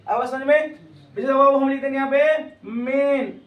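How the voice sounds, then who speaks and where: A man teaching English grammar to a class, calling students "babu" and quizzing them loudly. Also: extremely high pitch, fairly even intonation, a little slow, narrow, tinny audio. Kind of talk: classroom lecture. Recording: echoey classroom from far off.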